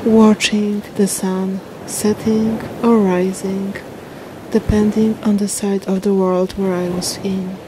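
A woman guides a meditation very slowly, leaving long pauses between short phrases, with a soothing but flat delivery at medium pitch. A clear wash of ocean waves and wind plays behind her voice.

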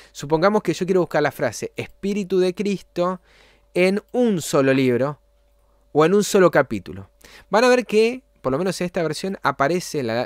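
Man explaining software step by step. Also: medium pitch, smooth, dry recording, studio quality. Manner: explanatory, often checks in with a quick "¿sí?". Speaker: channel host giving a software tutorial. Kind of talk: casual screen-recorded tutorial.

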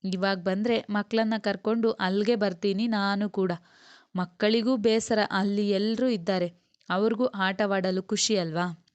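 A woman reading the part of a gentle, doting older grandmother who coaxes softly, in a storybook reading. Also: medium pitch, steady tone, measured pace, clean tone, no room sound, lightly acted. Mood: coaxing. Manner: soothing, coaxing.

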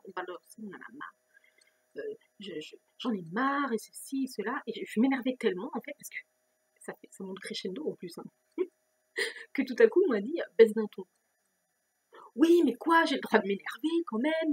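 A woman vlogger telling a personal story in a chatty, self-mocking way, laughing often and dropping into soft whispered asides. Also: mid-range voice, husky. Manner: restless, repeating questions and restarting phrases. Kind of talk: casual personal storytelling to camera.

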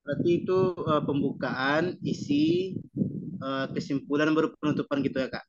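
A man's voice: fairly high pitch, huge pitch swings, moderate pace, creaky, slight background noise. A young man, a trainee, hesitantly starting a practice speech with many fillers, heard over dull lo-fi call audio. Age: young adult.

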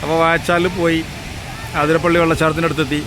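A man, dropping English words into his speech. It is recorded on a walk outdoors, with clear noise behind him. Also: a little high, flat delivery, rapid-fire. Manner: mixes English words into Malayalam. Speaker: vlogger. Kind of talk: casual travel vlog narration. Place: outdoors on a forest walking trail. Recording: noisy outdoor walking recording.

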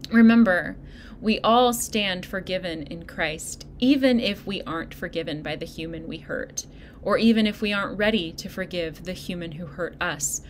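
A woman pastor giving a sermon, speaking in a gentle, encouraging way straight to her listeners. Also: medium pitch, a little hiss or hum. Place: church video recording.

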